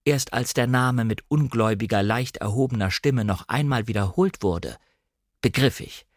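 A man's voice: mid-range voice, normal speed, no room sound. Man reading a novel in a dry studio. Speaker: reader. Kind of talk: scripted literary narration.

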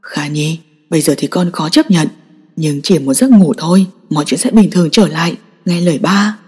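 A woman voicing a furious, domineering old father who shouts harsh commands at his daughter. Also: medium pitch, lively intonation, fast, husky. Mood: coaxing. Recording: long echoing reverb.

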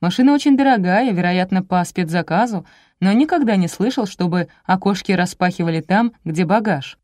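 A woman voicing a slow, literal-minded male police officer with a bass voice who asks droning, puzzled questions, in an audiobook. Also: darkish tone, dry recording, studio quality, close to an everyday voice. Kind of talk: audiobook character voice.

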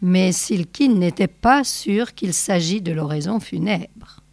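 A woman reading a short story aloud in a slow, measured way on a close mic. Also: lowish voice, vocal fry, darkish tone, no room sound. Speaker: reader.

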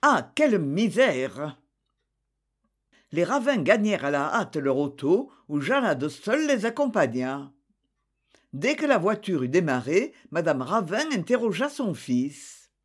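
A narrator giving a slow, expressive reading of a literary novel. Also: mid-range voice, slightly rough. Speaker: audiobook narrator.

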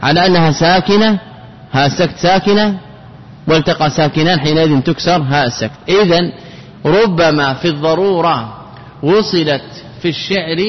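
In a classroom lecture on Arabic grammar, a man speaks in a slightly raised, slightly high voice. He poses rhetorical questions and restates key phrases over and over. Dull, lo-fi sound with a long hall echo.

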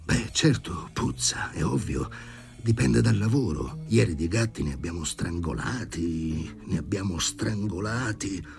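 A man voicing a crude, uncouth man made from a stray dog, with a hoarse, strained, whiny voice pitched high. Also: animated, measured pace, faint music behind, heavily acted. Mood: sheepish.

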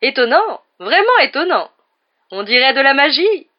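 A woman's voice: sits high, very animated, moderate pace, voice pushed up. A dazed grown man speaks in a vague, cheerful drawl, as if nothing is wrong, as a woman reader puts him on. His voice is raised and wondering. The recording is muffled and lo-fi. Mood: amazed.

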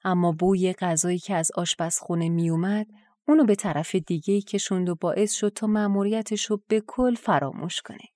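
Steady, gentle female audiobook reader for folk tales; mellow tone, dry booth sound. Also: on the low side, dry recording. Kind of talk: scripted storybook narration.

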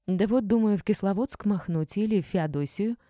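A woman reading a cool, defiant young woman clerk who talks in brisk, curt, unbothered replies. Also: mid-range voice, mellow, dry recording, studio quality, pitched above the performer's own voice, close to an everyday voice. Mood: breezy.

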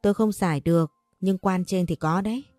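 A woman's voice: lowish voice, a little fast, warm tone, dry recording, studio quality, faint music behind, close to an everyday voice. Woman voicing a sly greedy old shaman. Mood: sly, wheedling. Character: older male village shaman, greedy and sly.

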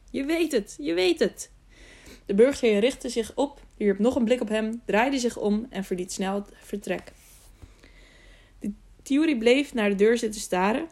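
Woman, audiobook narrator, mellow, mid pitch, steady reading, small self-corrections. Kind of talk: reading a children's novel aloud.

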